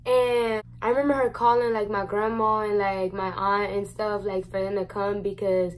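A young woman chats candidly through a storytime vlog, rambling with plenty of fillers and casual swearing. Her voice sits at an ordinary middle pitch, with faint room ambience behind her at home. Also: flat delivery, moderate pace, a little hiss or hum, poor audio. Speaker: vlogger. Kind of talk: casual storytime while eating.

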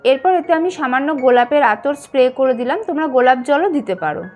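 A woman with a high, light voice talks viewers through a ritual step by step, calm and unhurried. She addresses them as friends and slows down for each mantra. Soft music plays faintly underneath. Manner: chants mantras slowly. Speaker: home puja demonstrator. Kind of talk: instructional voice-over.

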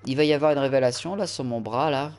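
A man's voice: medium pitch, quick pace. A man playing a horror game and commenting casually, frustrated and swearing, with lots of hesitant fillers. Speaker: gaming let's-player. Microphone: USB studio mic at desk. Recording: game music loud behind.

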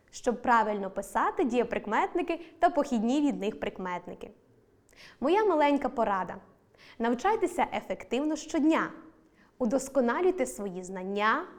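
Ukrainian woman teaching a recorded lesson, voice bounces up and down a lot, slows down hard on the example words. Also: a little high. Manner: slow, deliberate stress on example words.

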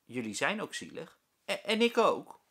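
A man voicing a fussy but kind male schoolteacher in a storybook, loud and animated. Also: on the high side, moderate pace, slightly rough, pitched above the performer's own voice, full character voice. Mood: teacherly.

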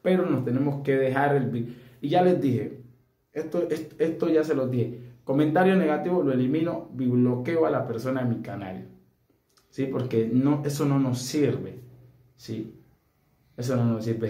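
A young man speaks bluntly and earnestly, coaching his listeners on spiritual matters. His voice is mellow and dark, and it rings in a noticeably echoey room. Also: mid-range voice. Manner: earnest and blunt, often asking "¿sí?" for assent. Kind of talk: direct-to-camera spiritual advice.

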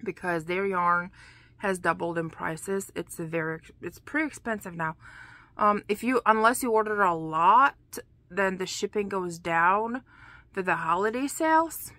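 Slow, bright-voiced woman chatting to camera. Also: mid-range voice, no echo. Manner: rambling, chatty, drops into whispers. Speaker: crochet vlogger. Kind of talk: casual chat to camera. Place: home room, dim.

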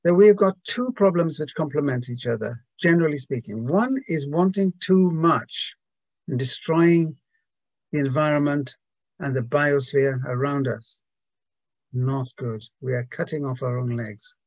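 A man's voice: a little high, measured pace, a little mellow, no room sound, low-quality recording. A man giving a reflective Buddhist talk to a group, hesitant and full of restarts and rhetorical questions.

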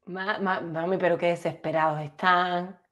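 A woman's voice: lowish voice, little pitch movement, moderate pace, fairly bright tone. A Cuban woman co-hosting a casual chat show, mocking and exclamatory, with English words mixed into her Spanish. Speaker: co-host.

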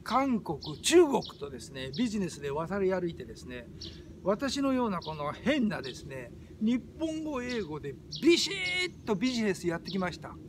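A man's voice: high-pitched, very animated, moderate pace, background noise. An older man, a YouTube host, giving an emphatic monologue, stressing and repeating his key phrases.

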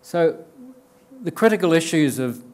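With a slightly high, a little mellow voice and lively intonation, an older man with a New Zealand accent gives a conference talk a little slowly from a podium mic. He speaks plainly, with frequent ums and restarts, to an audience in a lecture room with bookshelves.

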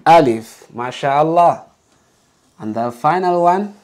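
A man's voice: fairly high pitch, a little slow, a little mellow. A man teaching a beginner alphabet lesson, patiently modeling letter sounds and encouraging learners to repeat.

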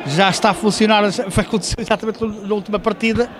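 A man's voice: high-pitched, steady tone, fast. A man giving live play-by-play futsal commentary, hesitant and often correcting himself as he thinks aloud. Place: indoor sports hall during a match. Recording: noisy sports hall with bouncing balls. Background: gym noise, ball bounces.

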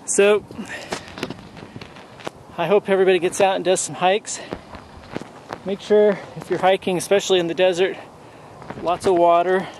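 A man in his forties vlogging outdoors on a desert mountain, talking in a relaxed, rambling way with many ums, to a camera held at arm's length. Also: sits high, moderate pace, pauses often, slight background noise. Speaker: hiking vlogger. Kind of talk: casual outdoor vlog.

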